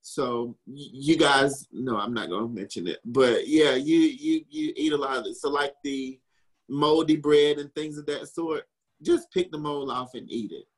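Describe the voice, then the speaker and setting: A man's voice: mid-range voice, unhurried, husky, low-quality recording. A man from the American South, a historical interpreter and chef, answering questions in a chatty way with frequent laughs and wry asides. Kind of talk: casual Q&A answers.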